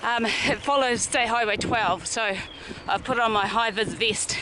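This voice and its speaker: A woman's voice: a little high, unhurried, noisy background. A woman in her thirties with a New Zealand accent, narrating a casual travel vlog outdoors while cycling, chatty and upbeat. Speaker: vlogger, mother on a family bike trip. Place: outdoors on country roads and trails.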